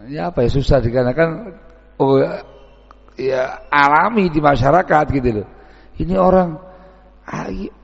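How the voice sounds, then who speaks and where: A man giving a dawn sermon as a preacher, animated and acting out the people he describes. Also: medium pitch, gravelly. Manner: animated, mixes in Javanese words, mimics townsfolk. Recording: dull, echoey hall recording.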